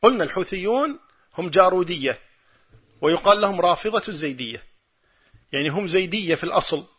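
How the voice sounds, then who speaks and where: A middle-aged man delivers a religious lecture and answers listeners' questions. His voice is high and a little husky, and he talks very fast. He argues emphatically, driving his points home through forceful repetition. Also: expressive.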